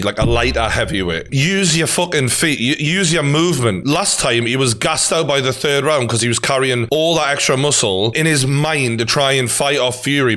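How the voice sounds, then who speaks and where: A man with a broad Newcastle Geordie accent hosts a casual reaction video. He talks bluntly and with strong opinions, swearing freely and addressing listeners like mates. His pitch sits in an ordinary middle range for a man. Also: a bit bright. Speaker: YouTube host and boxing commentator. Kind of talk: casual reaction commentary to camera.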